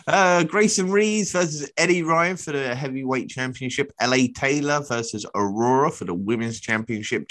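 An English man co-hosting a podcast, reading event cards with quick joking asides in a casual news roundup. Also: mid-range voice, fairly bright tone. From England. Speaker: podcast co-host.

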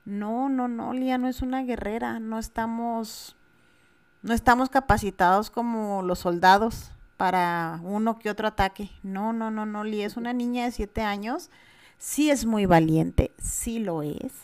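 A woman's voice: fairly high pitch, a little slow, clean tone. Mexican woman co-host, candid and earnest, casual chat with filler words. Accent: Mexican Spanish. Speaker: podcast co-host, mother. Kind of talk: casual conversation.

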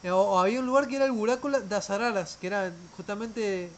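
A man's voice: high-pitched, quick pace, a little hiss or hum, low-quality recording. A man tells travel stories casually, rambling, often restarting words and trailing off. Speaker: traveler telling a story.

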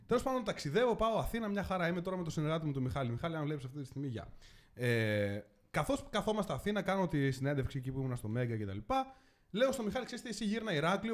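A young man from Greece hosting a casual podcast, telling a story and acting out the dialogue. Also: fairly high pitch. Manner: animated, acts out dialogue in the story. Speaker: podcast host.

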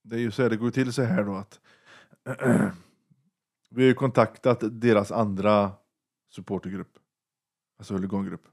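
A man's voice: lowish voice, fairly even intonation, pauses often. A man from western Sweden telling a story in a casual interview, blunt and swearing freely, acting out the voices he quotes. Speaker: interview guest.

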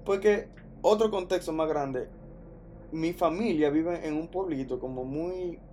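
A man from the Dominican Republic with a Dominican accent, casually telling a personal story in an animated, slangy way, often restarting his sentences. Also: a little high, unhurried, faint music behind. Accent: Dominican Spanish. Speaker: podcast storyteller.

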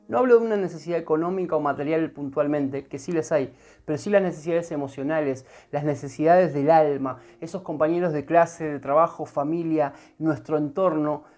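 A woman's voice: low-pitched, dark tone. A woman with an Argentine accent giving an earnest devotional sermon, repeating her phrases and often checking in with her listeners. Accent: Argentine Spanish. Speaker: preacher.

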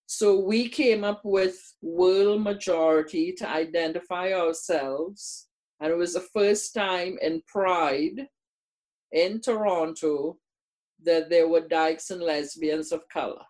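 A woman's voice: lowish voice, slow pace, darkish tone. An older woman from Trinidad and Tobago, a guest in casual conversation who speaks earnestly and repeats words for emphasis. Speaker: guest, community workshop presenter.

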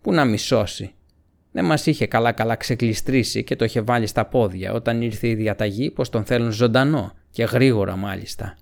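A man's voice: mid-range voice, vocal fry, natural voice. A man reading aloud and voicing a brutish male orc soldier who talks in blunt threats. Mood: grumbling.

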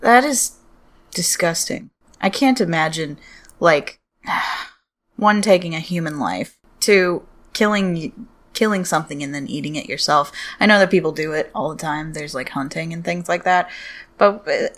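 Woman, podcast co-host, casual reactive chat, bright forceful tone, slightly low pitch. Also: measured pace.

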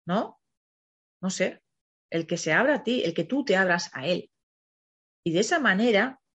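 A woman's voice: mid-range voice, slightly rough. Chatty Spanish-accented woman, muffled sound. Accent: Spain Spanish. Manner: chatty, rambling, tags phrases with a questioning "no?". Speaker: host of a parenting program. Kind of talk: casual spoken monologue. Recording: slightly muffled recording.

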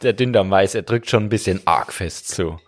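A man co-hosting a comedic podcast, relaxed and musing. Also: deep voice, normal speed. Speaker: podcast host. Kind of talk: casual comedic chat.

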